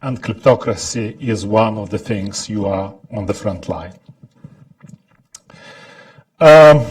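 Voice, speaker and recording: A man from Lithuania with a Lithuanian accent, giving deliberate, halting remarks as a scholar on a panel, often clearing his throat. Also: mid-range voice, a little mellow, distant mic, rough recording. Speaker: think-tank scholar, panel speaker. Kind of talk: prepared remarks at a panel talk.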